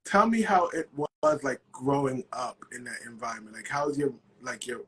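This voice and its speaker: A man's voice: mid-range voice, animated, normal speed, a bit bright, breathy edge. A man hosting a casual interview, eager and enthusiastic, full of "like" and "you know". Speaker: host, life coach.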